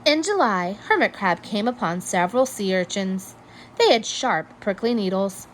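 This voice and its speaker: A woman reading a children's story aloud in an expressive, measured storytelling manner. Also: mid-range voice, a little hiss or hum, poor audio. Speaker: storybook reader. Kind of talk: children's read-aloud narration.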